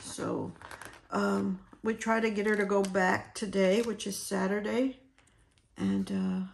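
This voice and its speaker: Hoarse, soft-spoken woman planner vlogger. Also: medium pitch, slow pace. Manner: quiet, near-whispered, talks while sorting stickers.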